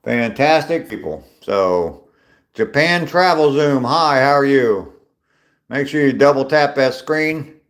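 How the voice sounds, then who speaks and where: Expressive but slow, his mid-range voice carries through a live stream he's running from his phone on an outdoor walk. The man, in his sixties, reads out viewer comments and responds in a relaxed, chatty way laced with dry humor.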